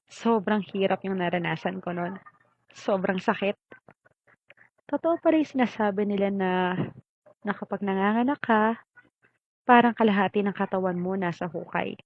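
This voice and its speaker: A woman's voice: mid-range voice, moderate pace, pauses often, no room sound, phone-quality sound. A middle-aged woman speaking as a mother to her grown child, reading a heartfelt spoken letter in a tender, pleading way with many rhetorical questions.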